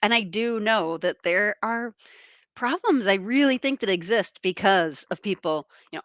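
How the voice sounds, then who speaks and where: A woman author chatting casually as a guest, animated and candid, laughing now and then. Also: mid-range voice, no room sound. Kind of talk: casual interview chat.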